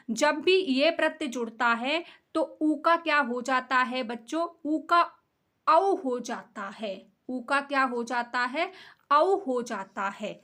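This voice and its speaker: A woman's voice: sits high, bright, forceful tone. A woman teaching a grammar lesson, explaining step by step, asking her students questions and answering them herself.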